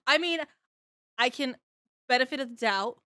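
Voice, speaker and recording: A woman with a fairly high voice co-hosts a casual podcast chat, animated and quick to laugh, swearing freely. The sound is dry and close, with no room around it. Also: dry recording. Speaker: podcast co-host.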